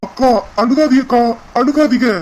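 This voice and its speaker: A man's voice: very high voice, steady tone, normal speed, very noisy. A man voicing a sweet-talking young village man. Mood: awkward. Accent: Tirunelveli Tamil. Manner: soothing, reassuring.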